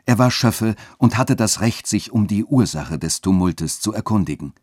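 Low-voiced male radio story narrator. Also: normal speed, no echo, studio quality. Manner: steady, formal storytelling delivery. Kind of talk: literary radio reading.

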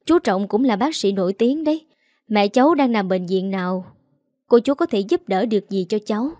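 A woman doing a calm, sly older lady. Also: mid-range voice, no echo, clean studio sound, lightly acted. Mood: coolly teasing. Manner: calm, teasing, unhurried.

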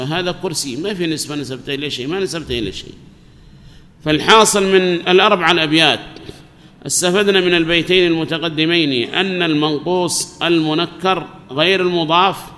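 A man's voice: fairly high pitch, pushed and bright. A man teaching a grammar lesson to a class, explaining patiently and asking questions that he then answers himself. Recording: long hall reverb, faint background noise.

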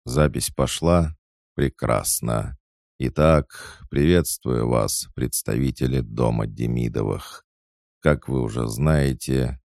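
A cruel bandit boss snarls threats and barks orders to his men, as a male audiobook reader puts him on. The voice stays deep and gravelly, pushed louder and higher than the reader's own. It is dry and close, with no room around it. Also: dry recording, exaggerated voice. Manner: menacing and shouting orders.

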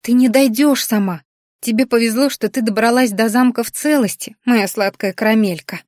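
A woman's voice: normal speed, darkish tone, no echo, clean studio sound, lightly acted. A woman voicing a plump hoofed female creature, a fussy, doting governess who gushes and frets dramatically. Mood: fussing. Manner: gushing, shrill and dramatic.

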